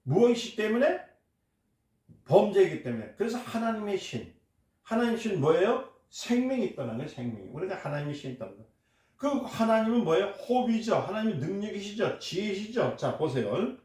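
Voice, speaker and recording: A pastor preaches in an echoey church hall, his high male voice swinging widely in pitch, brisk and a little mellow. He drives his points home emphatically, putting questions to the congregation and answering them himself.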